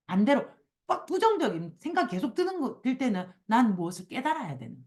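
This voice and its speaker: A woman hosting a casual book discussion, reading passages aloud and acting out quoted complaints. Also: medium pitch. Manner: animated, acts out quoted complaints in a raised voice. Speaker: book club host.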